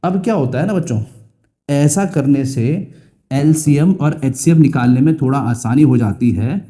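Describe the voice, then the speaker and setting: Very dark-voiced man teaching math. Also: medium pitch, moderate pace. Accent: Indian English. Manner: repeats key phrases, asks and answers own questions. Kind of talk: explaining a school math lesson.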